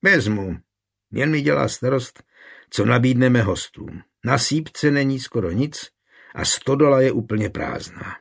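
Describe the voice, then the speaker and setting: A man's voice: medium pitch, animated, gravelly. Man reading blunt village husband. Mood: firm. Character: steady grown village man, blunt and warm-hearted.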